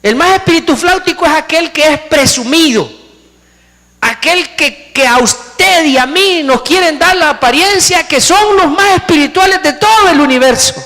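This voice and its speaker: A man preaching as pastor, with a strikingly high voice that carries into a church hall with a long, ringing reverb. He preaches emphatically and keeps throwing rhetorical questions at his listeners. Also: bright, forceful tone. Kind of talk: sermon.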